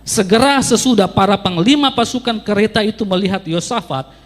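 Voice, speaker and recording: A man's voice: high-pitched, a little fast, in a large hall. A man pastor preaching a sermon emphatically, with sweeping rises and drops and repeated phrases for emphasis.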